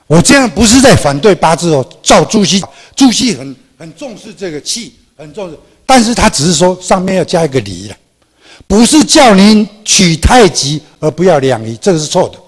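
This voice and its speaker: Older guy lecturing in a big hall, voice swings up and down a lot, kinda high, keeps quizzing the crowd. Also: moderate pace, breathy edge. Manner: animated, asks the audience questions. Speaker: history professor giving a public lecture. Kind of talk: public lecture. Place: large conference hall.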